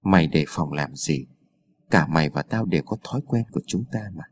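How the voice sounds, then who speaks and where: A cold, mocking evil double with a deep, hushed and husky voice, as a man puts it on for a horror story. Every line drops low and soft, taunting and threatening. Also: animated, fairly quick, heavily acted. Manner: low, quiet, taunting delivery.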